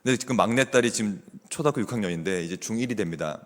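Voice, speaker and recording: A middle-aged man, a theology professor, preaching a sermon as a guest with animated storytelling, chatting with the congregation. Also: on the low side, rapid-fire. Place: church sanctuary. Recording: long church hall reverb.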